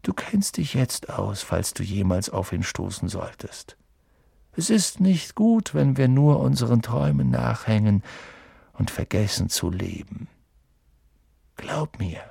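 A man voicing a kindly, wise old male wizard who speaks softly and unhurriedly, often close to a whisper, in a storybook reading. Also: mid-range voice, big pitch swings, unhurried, vocal fry, breathy edge, dry recording, full character voice. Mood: gentle.

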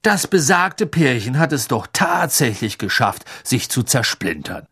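Ein Mann, der in einem Hörbuch einen fröhlichen, väterlichen Zauberer mittleren Alters spricht. Die Stimme klingt eifrig und erklärend und ist deutlich angehoben. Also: male voice, mid-range voice, sing-song, a little slow, pushed and bright, breathy edge, heavily acted. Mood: eager explaining. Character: cheerful fatherly wizard, middle-aged man.

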